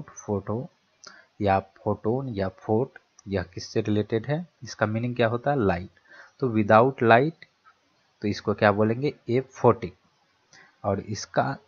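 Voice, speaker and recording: A man with an Indian English accent and a fairly low voice teaches vocabulary at a slow, deliberate pace. He mixes Hindi and English, poses a question and then answers it himself. The recording sounds slightly dull and lo-fi. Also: breathy edge. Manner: slow, explanatory, repeats rhetorical questions.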